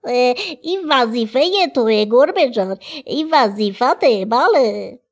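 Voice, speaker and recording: Lady doing a little mouse, high and jittery, bossy when it feels safe. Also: close to an everyday voice. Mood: proud. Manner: anxious then bossy. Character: small scared but proud mouse. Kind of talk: children's storybook reading.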